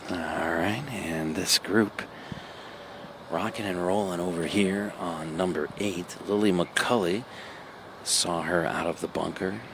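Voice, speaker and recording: Casting: man for live golf commentary, creaky bass voice, loosely phrased, noisy ambience. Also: steady tone, takes it slowly. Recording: noisy outdoor ambience, vehicle sounds.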